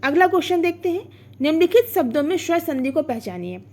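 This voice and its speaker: A woman with a high voice runs an online exam-prep grammar class. She explains step by step, poses questions and answers them herself, and sounds out vowels and syllables for her students. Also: very animated, quick pace, a little mellow. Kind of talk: online Hindi grammar lesson.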